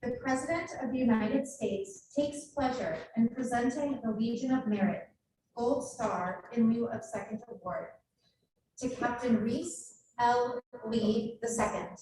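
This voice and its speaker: A woman serving as master of ceremonies, making measured, formal announcements. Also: on the high side, warm tone, slight background noise. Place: large ceremony hall. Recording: echoey hall from far off.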